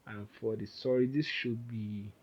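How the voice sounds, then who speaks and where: A man's voice: lowish voice, steady tone, measured pace, husky, dull audio. A man giving an informal, rambling coding tutorial, often correcting himself as he types. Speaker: programming instructor. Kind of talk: casual screen-recorded coding tutorial.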